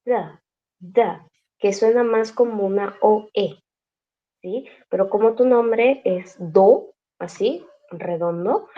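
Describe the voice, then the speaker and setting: A woman's voice: mid-range voice, slow, highs cut off. A woman teaching a language class over a video call, explaining patiently step by step and checking in with her students often.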